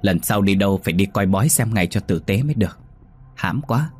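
A man voicing a blunt, quick-tempered young woman who scolds her friend, in a spoken ghost story. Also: lowish voice, animated, darkish tone, slight background noise, lightly acted. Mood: brusque.

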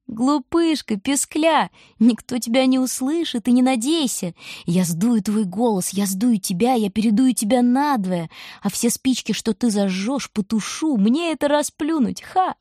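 A woman's voice: a little high, unhurried, dark tone, no room sound, clean studio sound, pitched above the performer's own voice. A woman voicing a cruel, mocking storm wind in an audiobook, teasing and boastful. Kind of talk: audiobook reading.

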